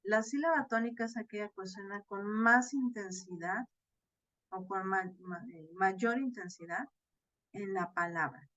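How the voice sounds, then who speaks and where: A woman's voice: medium pitch, a little slow, fairly bright tone, dry recording. A woman teaching an online class, explaining step by step with frequent fillers and tag questions, recorded on a video call. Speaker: online course tutor. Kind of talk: virtual class lecture. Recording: slightly dull, dry video-call audio.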